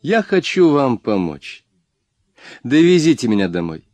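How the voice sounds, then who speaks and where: A man reading the lines of a calm, bold young woman who teases and questions in an audiobook. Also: mid-range voice, a little slow, no room sound, voice pushed up. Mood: playful.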